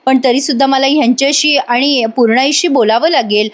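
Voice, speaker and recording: A middle-aged mother-in-law with a stern, scolding manner, as a woman reviewer puts her on. The voice runs high and sharp. It belongs to a family serial retold aloud. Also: a little fast, close to an everyday voice. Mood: tender.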